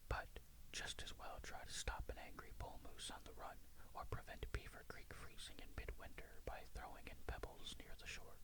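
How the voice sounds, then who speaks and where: A person reading a ghost story in a breathy, unvoiced ASMR whisper, measured and literary, very close to the microphone. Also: poor audio. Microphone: very close microphone, ear to ear.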